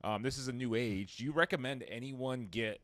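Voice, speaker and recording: A man's voice: medium pitch, moderate pace, fairly bright tone, dry recording. A man hosting an interview over a video call, speaking in a loose, laid-back way with lots of fillers. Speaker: interview host.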